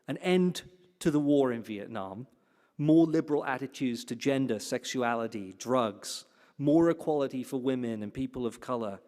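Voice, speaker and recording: A man giving a lecture-style address to a gathered audience, animated and playful, putting questions to the listeners. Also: medium pitch, normal speed. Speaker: platform speaker. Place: hall with an audience. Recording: long hall reverb.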